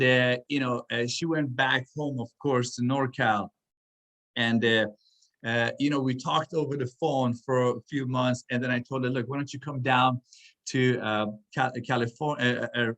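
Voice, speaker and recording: A man's voice: mid-range voice, fairly bright tone. A man born in Iran and raised in Sweden, giving a casual motivational talk full of fillers and restarts. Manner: rambling, many fillers and restarts. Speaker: speaker at a business event.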